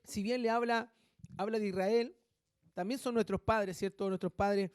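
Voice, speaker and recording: A male pastor preaching a sermon, with animated delivery and muttered asides that mimic gossip. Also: sits high, normal speed, clear, resonant tone, no echo, studio quality.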